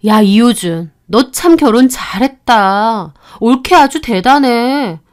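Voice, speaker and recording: A woman voicing a sharp-tongued, contemptuous sister-in-law with a raised voice. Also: on the high side, animated, takes it slowly. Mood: scornful.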